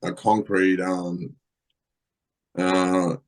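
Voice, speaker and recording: A man's voice: sits low, little pitch movement, drawn-out words. A middle-aged Australian man telling stories as a podcast guest, rambling, swearing a lot, with many fillers. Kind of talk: casual storytelling.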